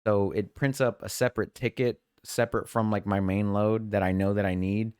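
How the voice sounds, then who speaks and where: Here a man with a fairly low, smooth, slightly mellow voice keeps his intonation fairly even and talks at a normal speed. Co-hosting a podcast, he tells rambling tales of his work week and does impressions of coworkers in quotes. The sound is dry and of studio quality.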